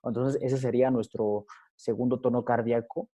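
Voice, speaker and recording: A man talks through a physiology lecture over slides. His voice is mellow and relaxed, at an average pitch. He speaks haltingly, with frequent fillers and tag questions.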